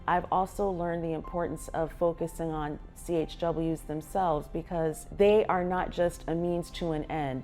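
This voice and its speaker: American woman researcher, low warm voice, reflective documentary interview. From United States. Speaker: assistant professor, researcher. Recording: soft music underneath.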